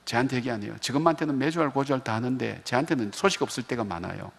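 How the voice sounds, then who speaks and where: A middle-aged male pastor delivers a revival sermon, spinning stories and slipping into the voices of the people he quotes. His voice is husky with a gravelly edge. It rings with a long echo through a church sanctuary. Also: medium pitch, lively intonation, very fast. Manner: storytelling, acting out quoted dialogue. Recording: echoey church hall.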